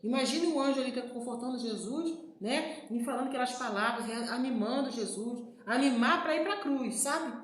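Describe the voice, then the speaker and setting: A woman's voice: high voice, moderate pace, hardly any pauses. A woman preaching in a casual, chatty way, often turning to her listeners with "né" and "gente". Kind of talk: informal sermon. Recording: very echoey room with faint noise.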